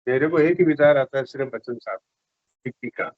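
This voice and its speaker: Brief: man from Rajasthan, chatty fan guest, mid pitch, dry lo-fi recording. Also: brisk, no echo. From Rajasthan, India. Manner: eager fan, slips into film star impressions. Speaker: interview guest, celebrity lookalike fan. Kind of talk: casual interview chat.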